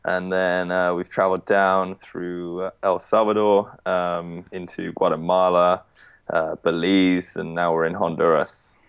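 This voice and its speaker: A man's voice: low-pitched, little pitch movement, measured pace, clear, resonant tone. A man answering as a podcast guest in an easygoing, friendly way. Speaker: interview guest. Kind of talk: casual interview answers.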